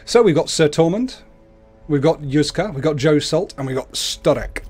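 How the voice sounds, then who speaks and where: A man's voice: fairly high pitch, animated, normal speed, a little mellow, breathy edge, faint music behind. A man hosting a livestream, casually explaining the video game he plays. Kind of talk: casual explanatory gameplay commentary. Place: indoors at a computer, webcam.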